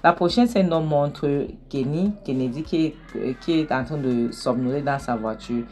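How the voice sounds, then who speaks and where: Low-voiced woman recapping a film. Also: normal speed, dark tone, slight background noise. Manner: retelling scenes, frequent fillers and restarts. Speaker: movie recap host. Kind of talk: casual film recap narration.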